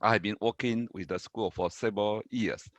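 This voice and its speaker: A man with a Taiwanese accent giving panel remarks as a professor, speaking haltingly and repeating words. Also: lowish voice, no room sound. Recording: dull, dry video-call audio.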